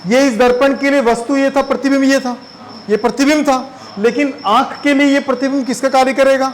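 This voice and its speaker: A man's voice: very high-pitched, steady tone, a little fast, poor audio. A man teaching a physics class, chatty and constantly quizzing his students. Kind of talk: classroom lecture.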